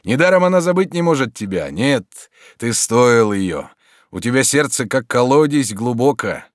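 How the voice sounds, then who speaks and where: A man voicing a steady, practical friend who speaks calmly and reassuringly. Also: mid-range voice, moderate pace, no room sound, studio quality, natural voice. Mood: affectionate.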